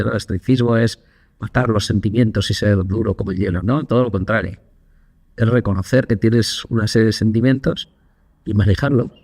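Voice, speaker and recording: A man's voice: mid-range voice, slightly rough. A man co-hosting a casual podcast, telling anecdotes and acting out quotes with energy. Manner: animated storyteller, acts out quotes. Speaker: podcast co-host.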